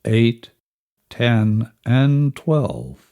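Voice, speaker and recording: A man leading a guided breathing lesson as instructor, measured and instructional, counting out each step. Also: medium pitch, very animated, warm tone. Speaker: relaxation and breathing instructor, host.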